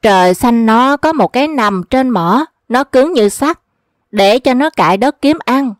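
A woman's voice: a little high, expressive, measured pace, no room sound, studio quality. A woman voicing a mischievous old male village trickster who loves telling tall tales, in a sly, teasing manner.

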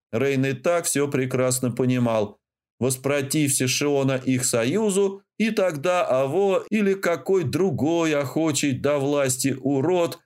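A man reading a novel aloud as an audiobook narrator, with steady, even storytelling. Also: mid-range voice. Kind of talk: scripted narration.

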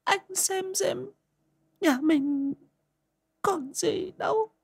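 A man voicing a frail old mother who stammers, begs and weeps in a high, creaky voice. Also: very slow, exaggerated voice. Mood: pleading, tearful. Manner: begging, stammering.

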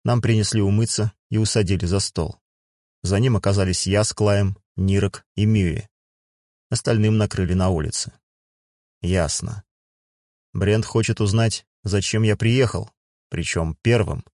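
Low-voiced man narrating an audiobook. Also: fairly even intonation, a little slow, darkish tone, no echo, studio quality. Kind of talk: first-person audiobook narration.

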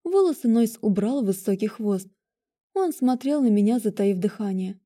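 A woman reading a first-person story aloud with lively, expressive delivery. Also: medium pitch, moderate pace. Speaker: audiobook reader. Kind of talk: first-person audiobook narration.

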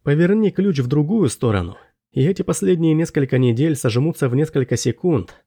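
A man narrating a first-person fantasy audiobook in a measured, steady storytelling manner. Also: fairly high pitch.

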